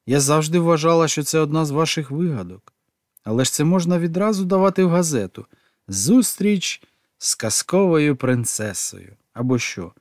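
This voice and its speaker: Man doing a showy publicity-hungry lady, effusive, lively pitch. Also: normal speed, dry recording, studio quality, close to an everyday voice.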